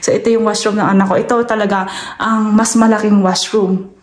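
A Filipino woman gives viewers a casual vlog tour of her big house, walking through the basement and out into the snow. Her mid-range voice stays level in tone, and she pauses now and then, slipping English words into her talk. The handheld recording is noisy and moves with her.

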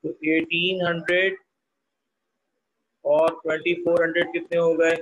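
Male teacher, higher voice, online class, walks through sums step by step and quizzes students. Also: little pitch movement, unhurried, a bit bright, dull audio, a little hiss or hum. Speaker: accounting teacher. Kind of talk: online accounting lesson.

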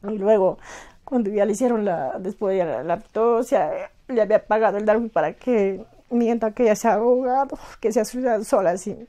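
A middle-aged woman with a southern Andean Ecuadorian accent, giving personal testimony as a victim's mother, halting and emotional, full of reported speech. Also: medium pitch, mellow. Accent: southern Andean Ecuadorian Spanish, Azuay.

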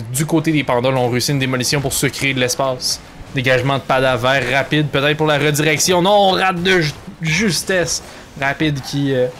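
A male esports commentator with a Quebec French accent and a mid-range voice. He calls the play in excited sports commentary, following the action in short fragments. Faint game noise sits behind him. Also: mid-range voice.

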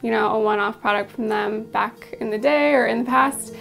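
A young woman vlogger with a raspy voice, chatting casually about her favorite products at home, with lots of ums and asides. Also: on the high side, normal speed, fairly bright tone, faint music behind. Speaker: beauty and lifestyle vlogger. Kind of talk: casual product review to camera.

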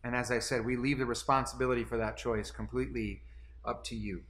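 Man, 40s, pastor, earnest announcement, bright forceful tone, seated indoors. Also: medium pitch, fairly even intonation, brisk. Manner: earnest, gestures a lot, repeats words when restarting. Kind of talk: church announcement to camera. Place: small indoor room, seated in armchair.

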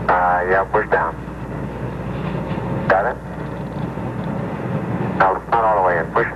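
A man's voice: low-pitched, slow, lo-fi sound. A man on the lunar surface in a clipped, matter-of-fact radio exchange, his voice coming through a crackly, breaking-up 1960s space radio link. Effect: crackly breaking-up space radio transmission. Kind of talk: terse radio exchange with mission control.

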